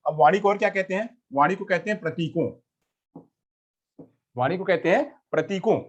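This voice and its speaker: A man teaches a class in a voice pitched a little high. He keeps asking a question and then answering it himself, repeating key phrases. The recording sounds dull and lo-fi. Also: normal speed, husky. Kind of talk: classroom lecture. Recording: lo-fi muffled recording.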